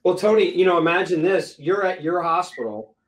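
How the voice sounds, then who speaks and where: A man's voice: high voice, a little fast, reverberant, recorded from a distance, rough recording. A man moderating a medical panel discussion, explaining terms plainly and making joking asides.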